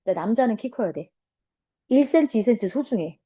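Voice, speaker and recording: A woman teacher in her forties telling a class a blunt, animated story, swearing now and then. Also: fairly high pitch, fairly quick. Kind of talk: casual classroom talk.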